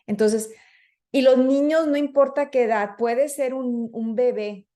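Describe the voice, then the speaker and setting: Teachers hear a professional development talk from an early childhood educator and trainer whose warm, fairly high voice moves a little slowly. She keeps things conversational, with fillers and acted-out moments playing children and teachers.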